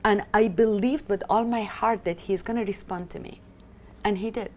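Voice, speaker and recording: A film director and activist in her fifties, originally from Afghanistan and a native Italian speaker, speaks passionately and emphatically as a guest in an interview. Her mid-range voice is warm, with fairly even intonation and a moderate pace.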